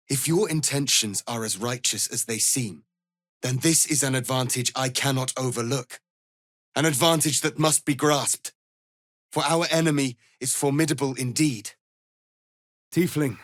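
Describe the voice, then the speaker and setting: A male actor voices a proud, righteous rebel warrior prince in a fantasy video game, delivering lines in a solemn, formal, declamatory style. The voice is fairly high-pitched, recorded at studio quality with no echo.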